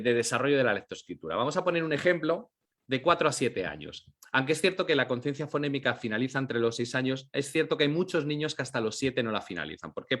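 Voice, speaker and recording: A man at an ordinary, middle pitch gives an explanatory lesson. He poses questions and answers them himself, stretching out syllables slowly to demonstrate them. Now and then he stops to correct himself with a quick apology. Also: a bit bright. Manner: occasional apologetic self-corrections. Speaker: teacher. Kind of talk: educational lecture on literacy.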